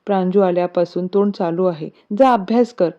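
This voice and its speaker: Woman reading a calm caring mother. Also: on the low side, a little fast, close to an everyday voice. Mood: motherly. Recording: dull lo-fi recording.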